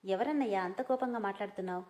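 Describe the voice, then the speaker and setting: Woman doing a gentle young woman, soft, calm, soothing, storybook. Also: medium pitch, fast, voice pushed down, close to an everyday voice.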